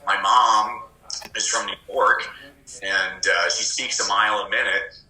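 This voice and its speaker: Bright-voiced man telling animated stories. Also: fairly low pitch, a little slow, reverberant, faint music behind, poor audio. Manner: animated anecdotes, often mimics voices. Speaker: interview guest, former ESL teacher. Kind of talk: conversational interview storytelling.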